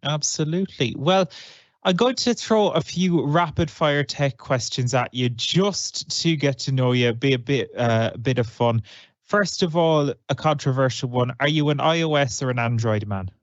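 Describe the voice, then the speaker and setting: Introducing segments and interviewing a guest, this male podcast host sounds upbeat, conversational, and animated at a normal speed and medium pitch. The lo-fi recording is dry and slightly dull, with no room sound.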